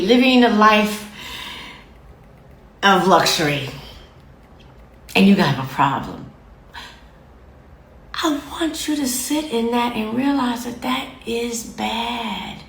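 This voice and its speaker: A woman's voice: a little high, vocal fry, echoey room. A woman hosting her own show, lecturing her viewers directly in an affectionate but firm way and repeating phrases for emphasis. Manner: affectionate yet lecturing, calls listeners babies and fam. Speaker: host. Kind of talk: direct-to-camera commentary.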